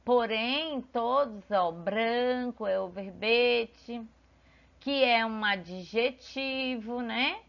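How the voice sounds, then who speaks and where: A woman teacher talks children through a lesson at an unhurried, patient pace. Her voice sits a little high, and she keeps pointing things out with small checking fillers. The recording sounds dull and lo-fi. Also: vocal fry. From Brazil.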